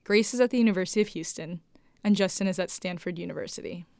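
A woman's voice: on the low side, fast, creaky, a little mellow. A woman hosting, narrating a scripted radio story in a conversational way. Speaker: narrator, host.

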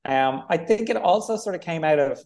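An Irish film director with a Dublin accent chats casually in an interview, rambling along in a relaxed way with plenty of fillers. His voice is on the high side and a little fast.

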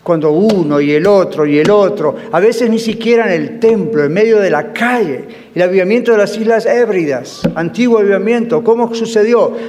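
Male pastor, fervent sermon, high voice, long hall reverb, pleading tone. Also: moderate pace, hardly any pauses, slight background noise. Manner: impassioned, pleading, dramatic swings between loud and hushed. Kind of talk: radio sermon with closing prayer.

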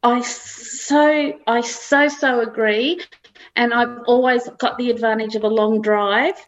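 A woman's voice: fairly high pitch, steady tone, slow. Chatty Australian farm woman, lo-fi. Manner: chatty, anecdotal storytelling. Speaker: farmer guest. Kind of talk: casual chat.

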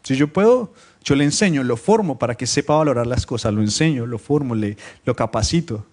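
A man preaching a Spanish-language sermon to his congregation, switching between loud, emphatic scripture reading and quiet, joking asides. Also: medium pitch, animated, brisk. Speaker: pastor. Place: church meeting room, streamed live.

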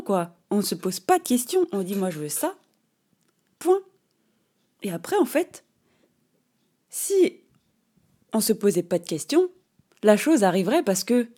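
A woman in her thirties talks into her podcast mic, spinning a personal story in loose, slangy speech full of fillers and asides. Her voice sits at a middling pitch with a mellow, warm color. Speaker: podcast host. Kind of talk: casual solo podcast monologue.

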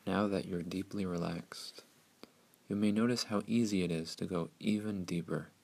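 A man narrating a scripted guided meditation in a soothing, hushed, unhurried way with long pauses. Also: deep voice, steady tone, vocal fry.

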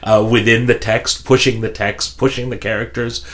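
A man hosting a podcast interview, asking long questions with many halting restarts and repeated words. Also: mid-range voice, level tone, fairly bright tone. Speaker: podcast host. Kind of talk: conversational interview.

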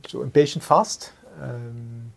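In a steady, creaky, mid-range voice, a middle-aged Flemish-accented Dutch speaker talks as an executive about his leadership. Frequent pauses show him searching for words, and he tacks "huh?" onto his points.

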